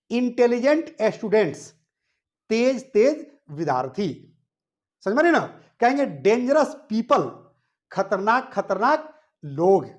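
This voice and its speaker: A man teaching spoken English at a board. He explains slowly, repeats words in pairs, calls his students "beta" and keeps checking that they follow. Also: high voice. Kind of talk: classroom grammar lesson at a board. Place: classroom with a board.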